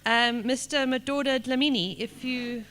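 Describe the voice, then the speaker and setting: A woman hosting an event, introducing the next guest speaker softly with some hesitation. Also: fairly high pitch, normal speed. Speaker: event host.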